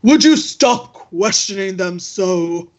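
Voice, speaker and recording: A woman voicing a stern, imposing man of a temple who talks slowly and scolds. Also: mid-range voice, expressive, muffled recording. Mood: scolding.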